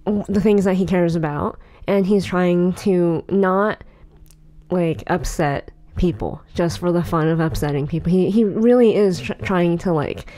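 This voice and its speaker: A woman's voice: lowish voice, measured pace, warm tone. A woman in her late twenties co-hosting a podcast, talking casually with lots of fillers and restarts. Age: 20s. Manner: rambling, filler-heavy. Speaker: podcast co-host. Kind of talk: casual chat.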